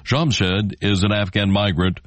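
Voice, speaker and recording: A man's voice: fairly low pitch, fairly even intonation, measured pace. A man with an American accent reading scripted world news as a radio anchor.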